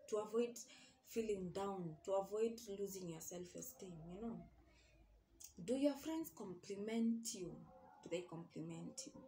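A woman's voice: mid-range voice, dark tone, reverberant, slight background noise. A young woman talking straight to her viewers, earnestly asking question after question and repeating her points for emphasis. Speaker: vlogger. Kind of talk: casual advice monologue.

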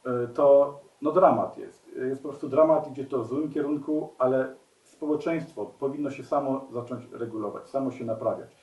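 A man speaking straight to his viewers, earnest and appealing, often pausing on fillers and restarts. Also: mid-range voice, a little mellow, reverberant, distant mic, rough recording. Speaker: commentator. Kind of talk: spoken video commentary.

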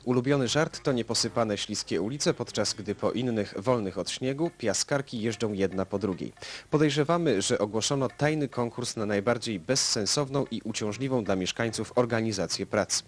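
A man's voice: medium pitch, normal speed, pauses often. A man narrating in the manner of an old newsreel announcer, ironic and mock-solemn.

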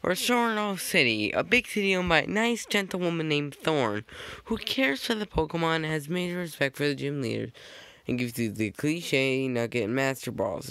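A man's voice: mid-range voice, fairly bright tone. A man casually narrating a fan-made slideshow, rambling with jokey asides and frequent self-corrections on a close microphone.

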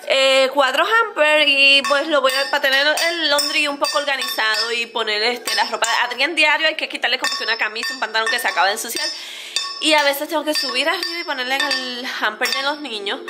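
A woman's voice: sits high, a little fast. A woman in her thirties chatting casually to viewers as a family vlogger, holding the camera at arm's length at home. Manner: chatty, talks to viewers as friends. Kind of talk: casual family vlog chat. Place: home and outdoor café. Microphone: handheld camera at arm's length. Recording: noisy home recording.

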